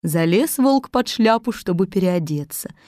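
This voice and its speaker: A woman narrating a fairy tale in an expressive storytelling manner, her voice mid-pitched. The recording is close and dry. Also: unhurried, no echo.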